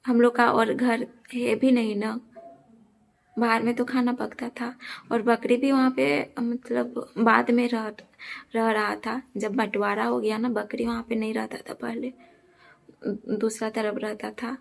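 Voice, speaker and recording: A woman's voice: on the high side, flat delivery, measured pace, gravelly. A young woman vlogger, talking earnestly and defensively to her viewers and repeating her points. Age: young adult. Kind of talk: casual talk to camera.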